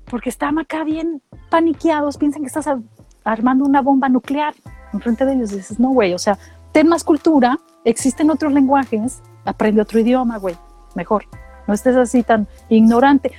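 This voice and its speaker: A middle-aged woman from Mexico with a Mexican accent, telling animated, slangy stories in casual chat and acting out what people said. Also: sits high, normal speed, breathy edge, faint music behind. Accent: Mexican Spanish. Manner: animated storytelling, slangy, acts out quotes.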